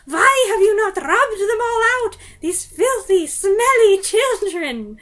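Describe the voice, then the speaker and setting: A woman's voice: very high voice, big pitch swings, takes it slowly, voice pushed up, exaggerated voice. A woman voicing a furious, tyrannical female witch queen who shrieks and rants in stiff, formal speech. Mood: ranting. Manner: shrieking, ranting, foreign-sounding formal speech.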